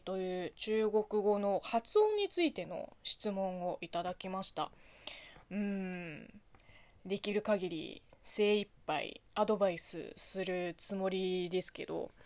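A woman from China speaking Japanese with a Chinese accent, hosting a solo radio talk show, reading listener letters and answering them in a chatty, animated way full of fillers. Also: mid-range voice, dry recording. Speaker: host.

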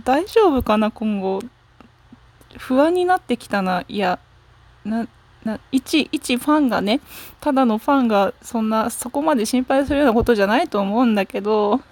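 Rambling fan woman, rather high voice. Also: lively intonation, moderate pace, darkish tone. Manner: rambling, frank, with many self-corrections and trailing fillers. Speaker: solo talk show host. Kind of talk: casual solo fan chat. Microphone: smartphone app recording.

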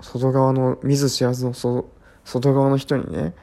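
A man's voice: medium pitch, completely flat delivery, normal speed, creaky, warm tone. A sleepy man hosting his own talk show, telling a rambling, repetitive story full of sound words in a casual solo chat. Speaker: podcast host.

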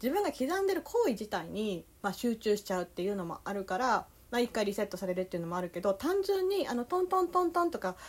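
A young woman with a Kansai accent hosting a relaxed solo talk show, meandering along with plenty of fillers. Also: medium pitch, fast, hardly any pauses. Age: young adult. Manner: easygoing, meandering, full of fillers. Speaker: podcast host.

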